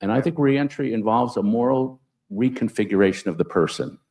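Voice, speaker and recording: A man speaking on a conference panel, telling anecdotes with sudden upward jumps in pitch for emphasis. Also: expressive, brisk, mellow. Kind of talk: panel discussion storytelling.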